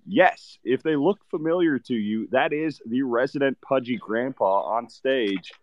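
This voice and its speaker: A man hosting a casual live audio chat from a festival, relaxed and rambling. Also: medium pitch, unhurried, highs cut off. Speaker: host. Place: festival event in Austin.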